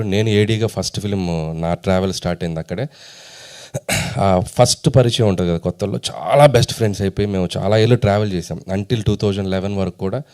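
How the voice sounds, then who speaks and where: A middle-aged man, a film director, giving a relaxed, friendly speech at a press event, mixing in English phrases. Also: low voice. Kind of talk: informal press meet speech.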